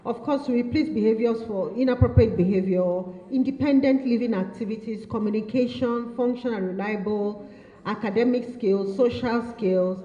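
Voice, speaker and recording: Playfully teasing participants and echoing back their answers with approval, a workshop facilitator leads an interactive training session. She has a fairly high, dark-toned voice and speaks at a moderate pace, captured with dull lo-fi audio in a hall full of echo.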